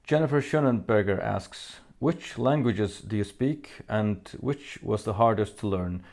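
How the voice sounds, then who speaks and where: This native Faroese speaker from the Faroe Islands is a man fielding fan questions in a relaxed monologue. His voice sits on the low side with a darkish tone, and his delivery is halting, full of fillers and restarts.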